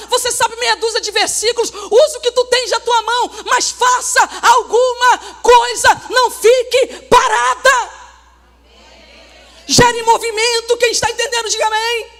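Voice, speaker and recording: A woman pastor preaching an emphatic sermon at a conference, often shouting and acting out whiny laments. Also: extremely high pitch.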